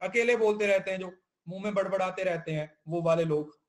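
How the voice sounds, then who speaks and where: A man's voice: sits high, brisk. A male teacher giving a classroom lecture, mixing in English terms and often checking that students understand. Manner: keeps checking understanding, repetitive.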